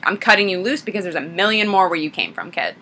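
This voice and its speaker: A woman's voice: fairly low pitch, expressive, quick pace, bright, forceful tone, breathy edge, heavily acted. A woman voicing a cold, dismissive male film producer in a blunt, lecturing way. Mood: contemptuous.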